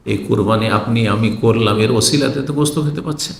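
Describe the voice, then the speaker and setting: A man's voice: medium pitch, fairly quick, vocal fry. A man from Bangladesh giving a religious lecture, teaching point by point and putting questions to his listeners. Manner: teaching in numbered points, asking the audience questions. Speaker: Islamic preacher. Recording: roomy echo.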